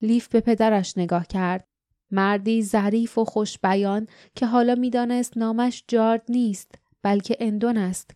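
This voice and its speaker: A woman narrating an audiobook with steady storytelling. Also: fairly high pitch, no room sound, studio quality. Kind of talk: scripted narration.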